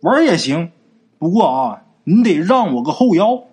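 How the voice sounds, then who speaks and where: A man voicing a strong, cocky young village man who brags in a low, easygoing voice. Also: very animated, moderate pace, a little mellow, breathy edge, full character voice. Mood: weary.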